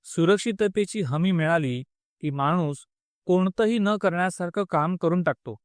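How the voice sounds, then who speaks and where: Male narrator reading a story aloud, expressive, slightly high voice, dry close sound. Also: moderate pace, no echo. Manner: expressive, acts out the dialogue.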